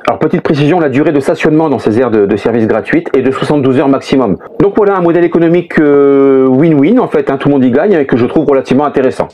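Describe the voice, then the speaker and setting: A man's voice: medium pitch, fast, few pauses, mellow. A French man, a middle-aged family vlogger, explains things step by step in casual talk full of "hein" and "euh". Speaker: vlogger, father of a motorhome-travelling family.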